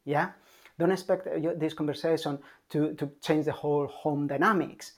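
Calm parenting coach who keeps asking "yeah?". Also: medium pitch, moderate pace. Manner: calm and emphatic, checks in with a frequent "yeah?"; repeats key points for emphasis. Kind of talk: advice talk to parents.

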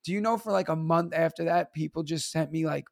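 New teacher with a gravelly voice. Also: male voice, on the high side, a little fast, no echo, studio quality. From United States. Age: 30s. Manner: animated, laughing, acts out voices in his stories. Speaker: teacher and stand-up comedian, guest. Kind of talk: casual storytelling interview.

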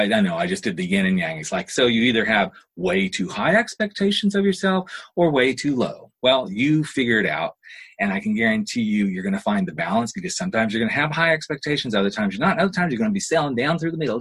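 Husky, folksy man giving a motivational podcast talk. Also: mid-range voice, fairly bright tone. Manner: emphatic, folksy, colloquial pep talk with rhetorical questions and repetition. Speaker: podcast host and speaker.

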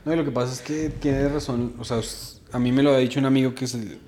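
Male podcast host, curious interviewer, relaxed conversational tone. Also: mid-range voice, quick pace, a little hiss or hum. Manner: curious, probing questions.

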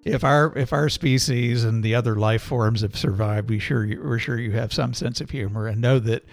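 A man's voice: medium pitch, steady tone, normal speed, creaky, no room sound. A man co-hosting a podcast in a folksy, conversational way, speaking straight to the listeners. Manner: folksy, addressing listeners as guys and y'all. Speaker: podcast co-host.

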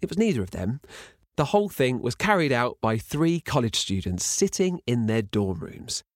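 A man's voice: medium pitch, big pitch swings, normal speed, no echo, studio quality. A British man presenting a scripted science podcast, emphatic and inquisitive, posing rhetorical questions. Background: music.

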